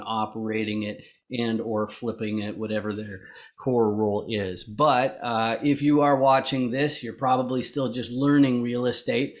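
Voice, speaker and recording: A man hosts a casual interview over a video call. He explains at length and in a loose way, with plenty of "uh"s and "you know"s. His voice sits at an ordinary middle pitch. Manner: chatty, explains at length with many fillers. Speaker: podcast host interviewing investors.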